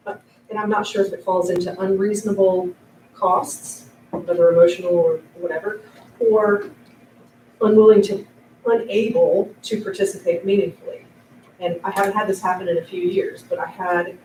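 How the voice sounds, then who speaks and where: A woman's voice: medium pitch, darkish tone, a little hiss or hum. A woman trainee puts a frank question to the instructor, working it out as she talks, in an everyday mid voice. She sounds distant, picked up across a reverberant room. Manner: candid, thinking aloud. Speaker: trainee mediator. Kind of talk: asking a question in class. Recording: echoey room, mic far off.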